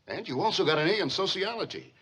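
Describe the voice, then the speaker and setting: A man's voice: high-pitched, big pitch swings, fast, a bit bright, breathy edge, heavily acted. A man playing a sensible, cautioning college professor in a sitcom. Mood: reasoning, cautioning. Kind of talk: sitcom acting.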